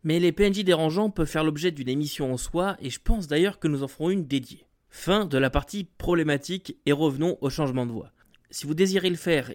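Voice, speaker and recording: Brief: young man, fairly high voice, conversational game master giving tips. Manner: conversational, lively, with occasional fillers. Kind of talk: explanatory video talk.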